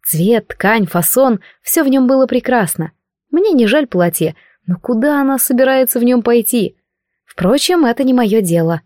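A woman's voice: fairly high pitch, normal speed, dry recording, clean studio sound. Wry woman reading an audiobook. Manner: wry, expressive. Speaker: audiobook narrator. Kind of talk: first-person audiobook narration.

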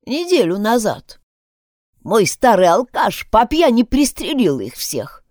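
A woman's voice: fairly high pitch, sing-song, takes it slowly, darkish tone, no room sound, clean studio sound, voice pushed up. A woman voicing a grieving, angry old village grandmother who pleads shrilly and tearfully.

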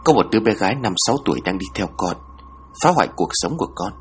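A man's voice: fairly low pitch, expressive, fast talker, slight background noise, close to an everyday voice. A man voicing a stern older female spirit medium who speaks coldly and ominously. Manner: mutters coldly.

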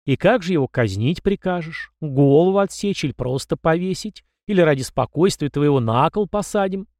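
A man reading an audiobook and voicing a stern middle-aged commander who scolds and scorns his young charge in a loud, raised voice. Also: fairly high pitch, lively intonation, moderate pace, no echo, studio quality, voice pushed up. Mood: scornful. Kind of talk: audiobook character voice.

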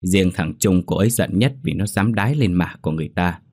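A man voicing a village fortune-teller who calms people in a plain, matter-of-fact manner. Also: low-pitched, a little fast, no room sound, studio quality. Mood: reassuring. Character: soothing village fortune-teller and ritual master.

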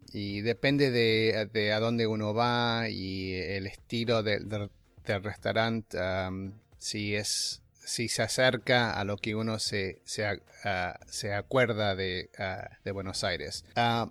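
A man's voice: fairly low pitch, a bit bright. A man with an Argentine accent, a podcast guest chatting casually and hesitantly, with many filler sounds. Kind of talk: casual conversation. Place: New York.

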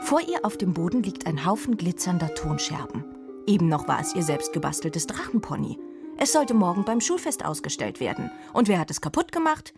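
A woman's voice: on the low side, very animated, a little fast, vocal fry, over music. A woman narrating a children's storybook expressively in a studio.

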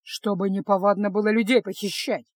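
A woman reading a storybook, voicing a gruff, sardonic male mage in a curt, grumbling manner. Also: medium pitch, expressive, moderate pace, dry recording. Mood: stern.

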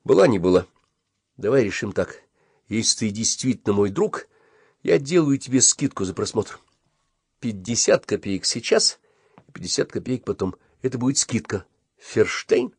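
A man reading an audiobook and voicing a smug, calculating schoolboy who drawls quietly and self-importantly. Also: fairly low pitch, very animated, moderate pace, husky, no room sound, clean studio sound, heavily acted. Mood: bargaining. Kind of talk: audiobook character voice.

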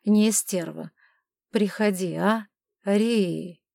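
A woman voicing a lazy, charming duke in an audiobook, talking in a calm, coaxing way. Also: mid-range voice, extremely slow, gravelly, no room sound, studio quality. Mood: coaxing, teasing. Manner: coaxing, placid. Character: lazy, charming middle-aged male duke. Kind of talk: audiobook character reading.

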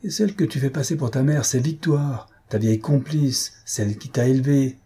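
A man voicing a mocking, vengeful English detective in an audiobook, pitched higher than his narration. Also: moderate pace, mellow, breathy edge. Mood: sneering. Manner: mocking and aggressive.

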